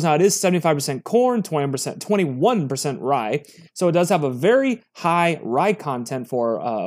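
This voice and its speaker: Chatty man with a lively voice. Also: on the high side. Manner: rambling, chatty, many fillers and restarts. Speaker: bourbon reviewer. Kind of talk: casual spoken review.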